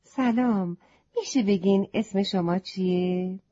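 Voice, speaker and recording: A woman's voice: mid-range voice, dark tone, lightly acted. A woman voicing a curious, polite little boy in a children's story, asking wondering questions, on a slightly muffled recording.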